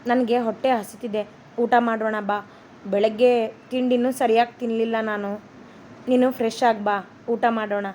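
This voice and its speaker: A woman voicing a calm, caring young husband who speaks gently and reassuringly in a read-aloud love story. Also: on the high side, measured pace, pauses often, slight background noise, lightly acted.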